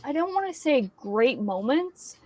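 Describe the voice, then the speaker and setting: A high-pitched woman hosts a movie reaction over a video call, her voice leaping up and down as she vents in exasperated, profanity-laced bursts. She sounds a little tipsy from whiskey, and the sound is close and dry with no room echo. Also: a little slow. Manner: exasperated, swearing, animated. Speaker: book channel host.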